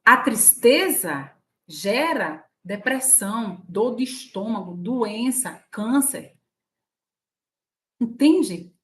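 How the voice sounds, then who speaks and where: A woman's voice: on the high side, lively intonation, drawn-out words, fairly bright tone. Chatty Brazilian woman on a livestream. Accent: Brazilian Portuguese. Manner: chatty, asks the audience often. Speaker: spiritual livestream host. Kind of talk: casual spiritual talk.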